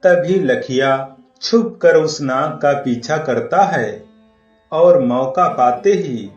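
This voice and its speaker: A man narrating a cartoon story in a measured, plain storytelling manner. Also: fairly high pitch, highs cut off. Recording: echoey, distant, music under.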